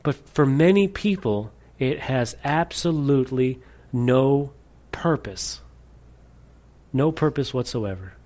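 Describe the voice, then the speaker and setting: A man preaching a sermon as a pastor, earnest, moving between emphatic lines and hushed asides. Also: medium pitch, expressive, a little slow, few pauses.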